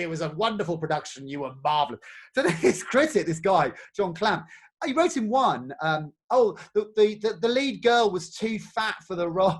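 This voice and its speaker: A man from England giving casual acting tips in a workshop, chatty and full of fillers and restarts. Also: a little high. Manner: chatty, many fillers and restarts, laughs easily. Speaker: theatre workshop leader.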